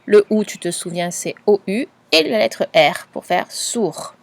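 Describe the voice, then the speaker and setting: A woman's voice: mid-range voice, very animated. Patient woman teacher dictating. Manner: patient, slow and clear, spelling out letters. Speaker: primary school teacher. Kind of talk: dictation lesson for a young pupil.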